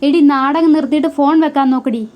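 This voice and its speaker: A prickly young man, as a woman reads him in a high voice. He is curt and scolding, always quick to snap, as in a serialized audio story. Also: lo-fi sound, lightly acted. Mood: irritated. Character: irritable young man, short-tempered on the phone.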